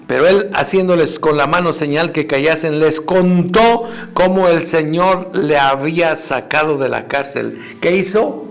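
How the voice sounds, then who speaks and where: A man's voice: on the high side, unhurried. A man with a Mexican accent preaching a sermon in a conversational way, repeating words and acting out what people say.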